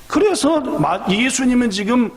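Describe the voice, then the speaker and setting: High, animated preaching man in echoey church. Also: unhurried. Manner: lively, questions the congregation and acts out voices. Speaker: pastor. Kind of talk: sermon. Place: church sanctuary.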